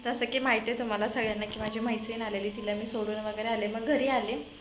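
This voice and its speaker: Vlogger, young woman, Marathi accent, casual chatty narration, slightly high pitch, background noise audible. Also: steady tone, fast. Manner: chatty, coaxing a toddler in a high playful voice. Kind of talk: casual daily vlog chat. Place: home. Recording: noisy home recording.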